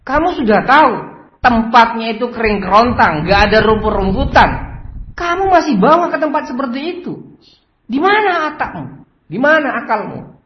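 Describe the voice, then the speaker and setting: A man voicing a rich male livestock owner who scolds his servants in a loud, indignant voice. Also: fairly high pitch, big pitch swings, unhurried, vocal fry, full character voice. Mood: furious. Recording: roomy, slightly dull recording with faint noise.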